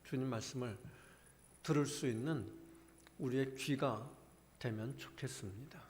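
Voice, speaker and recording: A man's voice: medium pitch, unhurried, slight background noise. A male pastor preaching a sermon, peppering the congregation with rhetorical questions and pressing his points with mounting force. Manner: asks the congregation many rhetorical questions, building to forceful emphasis. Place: church sanctuary. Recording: long reverb of a church hall.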